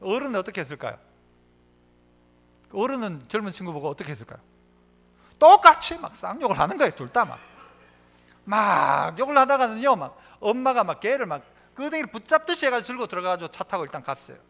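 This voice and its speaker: A man's voice: sits high, big pitch swings, fast, vocal fry, pauses often, fairly bright tone. A man preaching a sermon as pastor, asking the congregation questions and answering them himself, and telling stories with voices. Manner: tells stories, acting out quoted voices. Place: church sanctuary.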